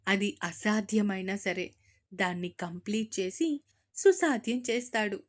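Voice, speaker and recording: A woman voicing a proud older mother-in-law in an audio story, speaking loudly and emphatically. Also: medium pitch, measured pace, lightly acted. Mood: emphatic.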